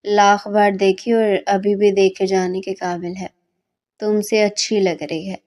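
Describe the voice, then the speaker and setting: A sleepy young male student, voiced by a woman narrator grumbles and needles in a storybook reading. His tone stays mellow and unhurried, full of lazy teasing. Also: medium pitch, level tone, lightly acted. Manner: grumbling, mocking insults.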